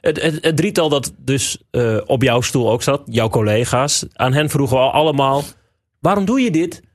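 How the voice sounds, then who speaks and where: Relaxed male radio host. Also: mid-range voice, normal speed. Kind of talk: casual radio interview.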